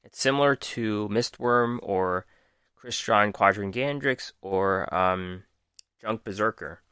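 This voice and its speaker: A man's voice: lowish voice, takes it slowly, bright, forceful tone, clean tone, dry recording, studio quality. A man hosting a podcast, methodically reading out card text and reviewing it with frequent ums while losing his voice. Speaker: podcast host. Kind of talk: casual card game review.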